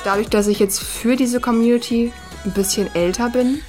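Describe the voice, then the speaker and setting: A woman in her twenties chatting in a casual interview, telling her story in a lively, talkative way. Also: a little high, normal speed. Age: 20s. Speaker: interviewee, dancer. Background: background music.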